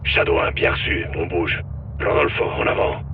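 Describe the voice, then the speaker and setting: An actor playing a gruff ground soldier on the radio in a military video game. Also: male voice, deep voice, expressive, moderate pace, phone-quality sound. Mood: tense, alert. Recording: radio chatter under very loud battle noise.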